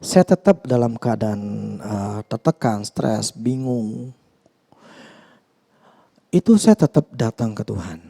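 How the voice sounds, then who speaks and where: Mellow-voiced pastor preaching. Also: male voice, mid-range voice, animated, slow, creaky, long pauses. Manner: conversational, hesitant with many fillers and restarts; earnest, confessional. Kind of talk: sermon.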